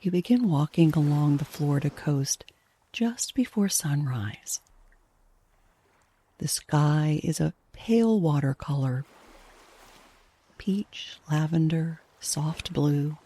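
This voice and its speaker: A woman with a low-pitched, expressive voice leads a sleep meditation in gentle, breathy hushed tones. Her soothing delivery is slow and unhurried all the way through.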